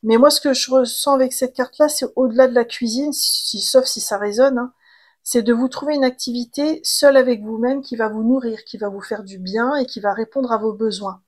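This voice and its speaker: A woman, giving a casual, chatty tarot card reading with gentle fillers and restarts. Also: a little high, brisk. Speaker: tarot reader.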